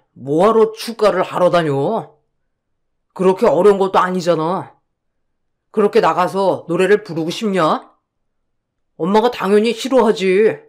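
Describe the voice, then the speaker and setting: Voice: medium pitch, lightly acted. A voice actor playing a young husband who grumbles defensively and sounds worn out, in a radio drama. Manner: complaining, defensive. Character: irritable young husband, torn and tired.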